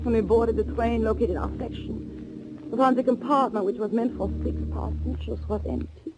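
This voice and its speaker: An actress with a fairly high-pitched voice at normal speed, close to how she'd normally talk, voices Anna, a tense, frightened young fugitive narrating her ordeal. The acting is breathless, suspenseful 1940s radio thriller drama, heard through a noisy old recording.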